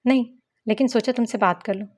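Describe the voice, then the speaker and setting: A woman's voice: a little high, brisk, darkish tone, voice pushed up, natural voice. A woman voicing a proud, cocky young husband who bickers sulkily. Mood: bickering. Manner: sulky, boastful bickering.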